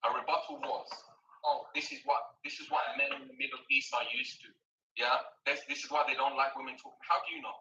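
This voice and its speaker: A man's voice: mid-range voice, a little fast, sharp tone, dull audio. A man on a live panel making an insistent, argumentative case. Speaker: panel caller. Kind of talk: heated debate. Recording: echoey and distant.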